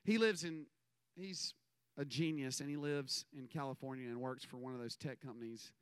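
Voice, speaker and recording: A man's voice: medium pitch, normal speed, clear, resonant tone, no room sound. Rambling man preaching. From American South. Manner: rambling storytelling with self-deprecating asides. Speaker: minister. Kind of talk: casual conversational sermon.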